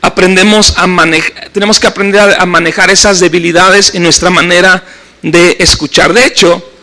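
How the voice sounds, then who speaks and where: A man's voice sitting high for a man, with a bright, forward ring to it. He is a middle-aged pastor with a Mexican accent, preaching at a church service in an easy, talk-like way, often tossing in little questions to the congregation. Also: steady tone, normal speed, poor audio. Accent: Mexican Spanish. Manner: conversational preaching with frequent tag questions. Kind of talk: sermon.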